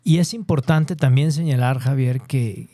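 A man's voice: mid-range voice, unhurried, mellow, no echo. A man with a Mexican accent hosting a conversation, agreeing often and building on his guest's points. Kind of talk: conversational interview.

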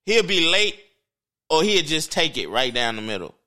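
Podcast co-host: man, bright voice with lively pitch swings, blunt and profane in sports debate. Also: moderate pace. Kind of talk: heated casual sports debate.

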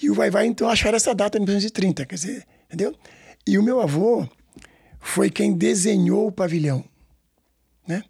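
A man's voice: high-pitched, fairly quick, pauses often, a little mellow. A man in his sixties from Brazil with a São Paulo Portuguese accent, a samba school director telling stories in a rambling way with many repeats and tag questions. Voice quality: gravelly and husky. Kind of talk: storytelling interview.

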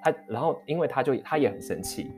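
A man, telling a heated anecdote in a storytelling vlog, quick and rambling with many restarts. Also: mid-range voice. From Taiwan. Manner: animated, heated retelling of an anecdote. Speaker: vlogger. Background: faint guitar music.

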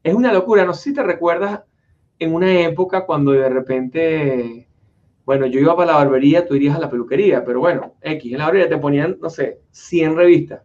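A man hosts a relaxed interview, his voice sitting a little high for a man. He rambles, restarting sentences and filling gaps as he goes. The sound is dull and lo-fi. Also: fairly quick. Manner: rambling, with many restarts and fillers. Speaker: interview host. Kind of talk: casual conversational interview. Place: home office in Florida. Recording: dull lo-fi audio.

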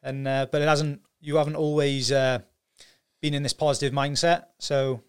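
A man's voice: fairly high pitch, flat delivery, moderate pace, clean tone. A man hosting a podcast interview, matey and casual, swearing now and then. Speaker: podcast host.

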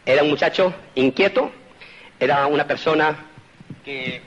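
A man's voice: a little high, moderate pace, fairly bright tone, slight background noise. A middle-aged man from Spain giving an emphatic motivational testimony to an audience, repeating points and checking that listeners follow. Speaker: speaker at a business meeting. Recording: dull lo-fi recording.

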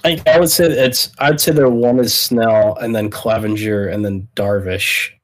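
Opinionated man with a lowish voice. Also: fairly even intonation, measured pace. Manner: opinionated, blunt, swears casually. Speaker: podcast co-host. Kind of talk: casual sports debate.

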